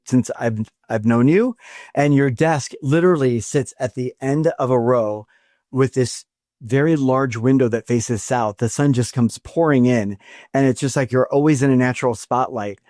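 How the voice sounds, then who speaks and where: A man's voice: mid-range voice, measured pace, darkish tone, no echo, clean studio sound. A man hosting a podcast, reading a scripted opening and then chatting with a guest in a friendly way, with some fillers and restarts. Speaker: podcast host. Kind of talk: podcast interview.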